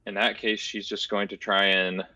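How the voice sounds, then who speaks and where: A man with a lowish voice takes part in a tabletop role-playing game. He speaks casually as one of the players. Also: little pitch movement, normal speed, sharp tone.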